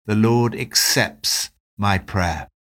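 A man giving a devotional talk, reading Bible passages and reflecting on them in a calm, measured way. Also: lowish voice. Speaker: devotional presenter.

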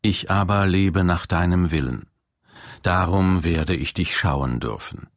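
A man reading scripture aloud in a slow, solemn way. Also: low voice, dry recording, studio quality. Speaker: scripture reader.

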